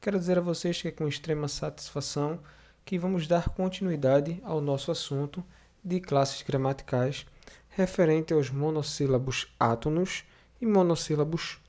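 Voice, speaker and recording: Man, teacher, video lesson, mellow dark tone, patient step-by-step explaining, recaps. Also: fairly high pitch. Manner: explanatory, repeats and recaps terms, frequent fillers. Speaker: Portuguese teacher. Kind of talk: video lesson for sixth graders.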